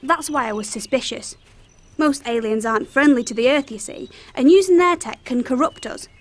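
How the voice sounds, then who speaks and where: An earnest woman with a high voice in an audio drama. She is self-assured and states strange beliefs as plain fact, like a know-it-all. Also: normal speed.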